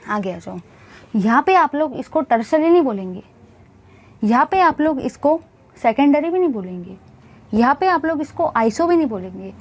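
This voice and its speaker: A woman's voice: high-pitched, darkish tone. A woman teaching a chemistry class, asking questions and answering them herself, calling the students bhai and guys.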